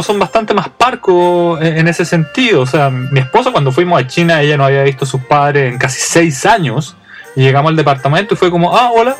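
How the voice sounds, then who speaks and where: A young adult man from Chile with a Chilean accent, hosting a casual storytelling monologue in a chatty, humorous way, full of restarts and fillers. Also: on the high side. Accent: Chilean Spanish. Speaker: podcast host.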